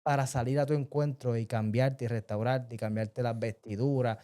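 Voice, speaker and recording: A man hosts a faith interview and asks his guest questions in a slow, halting way, with many fillers. His voice is dark and mellow. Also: mid-range voice, steady tone. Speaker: host.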